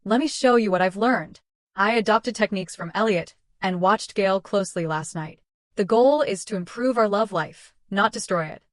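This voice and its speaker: A woman's voice: medium pitch, moderate pace, no echo, clean studio sound, natural voice. A woman voicing a defensive young wife who insists and pleads, justifying herself. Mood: pleading.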